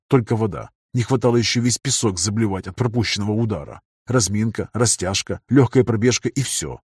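A man narrating a first-person fantasy audiobook in a measured, even reading. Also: on the low side, breathy edge, dry recording, studio quality.

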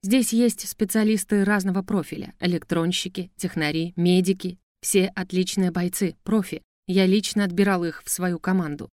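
A woman's voice: on the low side, fairly even intonation, normal speed, few pauses, a little mellow, no room sound, clean studio sound, close to an everyday voice. A woman voicing a remorseful young male prince pleading earnestly in an audiobook. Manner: subdued, pleading. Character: remorseful proud young male star prince, now a slave.

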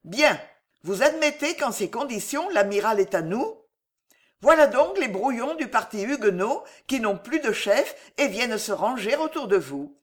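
A woman reading an audiobook voices a cold, calculating queen mother who persuades in measured, deliberate phrases. Her pitch moves up and down lively, and the delivery is persuasive, with a coolly triumphant edge.

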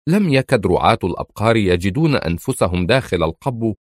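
Male audiobook narrator, low and dry, measured novel reading. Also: big pitch swings, no room sound.

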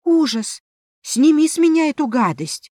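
A woman's voice: fairly high pitch, very animated, slow pace, no echo, studio quality, pitched above the performer's own voice. A woman voicing a sleepy, bewildered young heroine in an audiobook, asking indignant questions.

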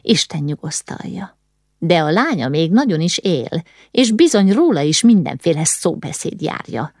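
A woman's voice: fairly low pitch, very animated, darkish tone, no room sound, clean studio sound. A woman voicing a fretful, gossiping middle-aged noblewoman who scolds dramatically, in an audiobook. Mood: scandalized.

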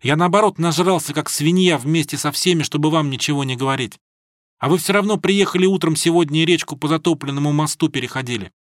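A man's voice: fairly high pitch, fast talker, no echo, studio quality, lightly acted. A man voicing a naive, earnest young male student who pleads and blurts out whatever he thinks, in an audiobook.

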